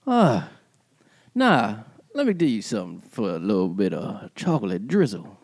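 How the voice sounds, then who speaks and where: A man's voice: on the low side, wildly swooping pitch, normal speed, creaky, a little mellow, dry recording, exaggerated voice. A man doing a crooning ladies'-man persona. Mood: swaggering. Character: smooth-talking, boastful male lover persona. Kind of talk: improvised comedy bit.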